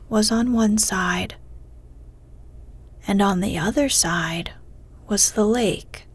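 A woman reading a story aloud in a soft, unhurried ASMR whisper. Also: medium pitch, husky.

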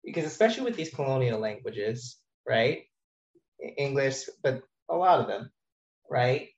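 Chatting casually about language teaching, a man with a medium-pitched, expressive voice talks at a moderate pace. He rambles as he thinks out loud, full of fillers and restarts, in a recording that's roomy and dull.

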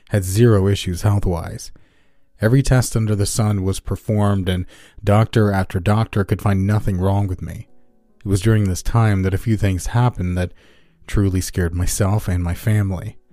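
A man narrating a scripted first-person scary story in a measured, deliberate way, as a storyteller. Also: low-pitched, mellow, no echo. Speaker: narrator of listener-submitted scary stories. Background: background music.

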